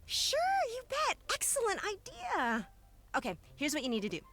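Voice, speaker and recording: A woman's voice: extremely high pitch, huge pitch swings, normal speed, fairly bright tone, full character voice. A woman voicing a self-assured, bossy teenage overachiever in a video game, with a buzzy, bee-like voice. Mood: breezy, bossy. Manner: breezy, confident, bossy. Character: chirpy, self-assured teenage schoolgirl student, academic overachiever.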